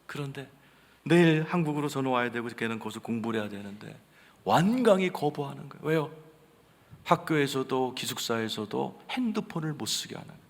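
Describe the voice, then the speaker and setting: Pastor guy preaching a sermon, storytelling with loud bursts and near-whispers, big echoey church sound. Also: medium pitch, fairly quick. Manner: animated storytelling, shifting between loud and hushed. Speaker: senior pastor. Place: large church sanctuary. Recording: reverberant church hall.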